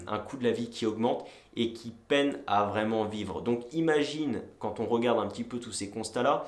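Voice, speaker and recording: A man in his twenties from France, casually explaining to the viewer straight on, with frequent hesitations. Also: on the low side. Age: 20s. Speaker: entrepreneur and video host. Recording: echoey room.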